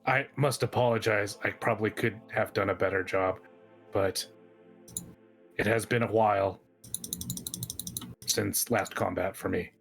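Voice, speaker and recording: A man playing an ancient, formal, literal robot in a tabletop game, speaking in a deadpan monotone with dry satire. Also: fairly low pitch, unhurried, vocal fry, long pauses, faint music behind. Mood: flat, formal. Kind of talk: in-character tabletop role-play.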